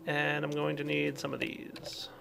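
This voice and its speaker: A man's voice: fairly high pitch, completely flat delivery, measured pace, creaky, over music. A man casually commenting on his game as he plays, thinking aloud with lots of fillers. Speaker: let's play host.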